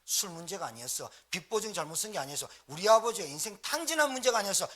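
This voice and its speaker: Middle-aged pastor, fairly high voice, very animated sermon delivery. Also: male voice, very fast. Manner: animated, fires rhetorical questions at the congregation. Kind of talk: storytelling sermon. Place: church sanctuary.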